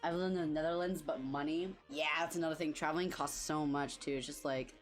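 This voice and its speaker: A woman's voice: low voice, fairly even intonation, brisk, soft background music. A young woman streaming as she draws, chatting casually and rambling with lots of fillers. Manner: rambling, filler-heavy talk, reacts to chat. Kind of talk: casual live-stream chat while drawing.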